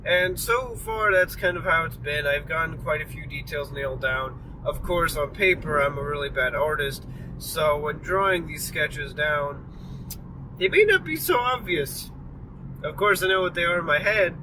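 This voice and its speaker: An animated young man with a voice on the high side keeps a moderate pace as he vlogs from a moving car. Though tired and yawning, he rambles on full of fillers and apologies, and the far-off mic catches plenty of road noise.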